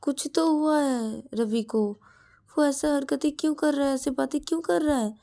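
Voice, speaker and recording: A woman's voice: high-pitched, fairly even intonation, moderate pace, creaky, mellow, pitched above the performer's own voice. A woman voicing Shreya, a bossy, suspicious young woman who scolds and demands answers. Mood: worried, insistent.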